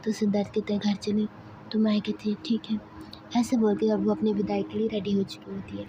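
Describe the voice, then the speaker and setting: A woman casually narrating a family story, retelling scenes in a steady, even way, on a slightly dull recording. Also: medium pitch, fast talker, background noise.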